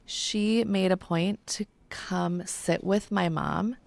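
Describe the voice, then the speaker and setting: A woman's voice: mid-range voice, fairly even intonation, slow pace, creaky, dry recording. A woman co-hosting a podcast in casual chat. She talks candidly, swears freely and is close to tears. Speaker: podcast co-host.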